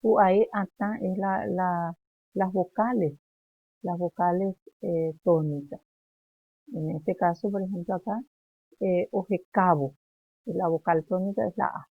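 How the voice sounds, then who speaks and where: Slow, gravelly-voiced woman teacher on a tinny line. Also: lowish voice, fairly even intonation, no echo. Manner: slow, halting, with many fillers and restarts. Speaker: primary school teacher. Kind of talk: classroom lesson.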